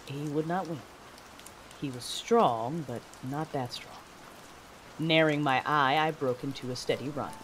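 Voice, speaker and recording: A woman voices a fierce, war-worn Sith mother narrating her own tale with theatrical, brooding tension and emphatic outbursts in an audio drama. She speaks in a deep voice, a little slowly. Behind her are music and rain sounds, with slight background noise.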